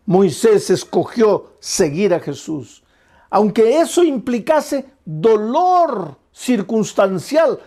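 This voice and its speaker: A man's voice: high voice, a little mellow. A male pastor preaching a sermon with fervor, building his points through repeated, emphatic lists. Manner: fervent, repetitive emphatic lists.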